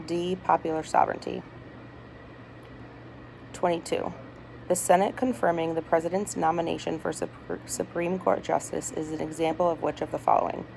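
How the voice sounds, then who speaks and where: A woman reading multiple-choice test questions aloud item by item in a hospital room, deliberately and with small stumbles. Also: deep voice, vocal fry, darkish tone. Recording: noisy hospital room with background chatter. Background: people talking, ambient noise.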